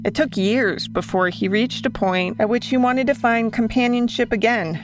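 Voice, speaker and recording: A woman hosting and narrating a scripted true story in a measured storytelling manner. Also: fairly high pitch, soft background music. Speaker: podcast host and narrator.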